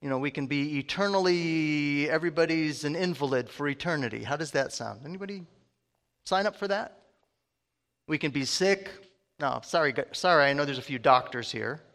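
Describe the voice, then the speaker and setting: A man's voice: on the high side, normal speed, a bit bright, big-room sound. A man preaching a conversational sermon, often asking his congregation questions.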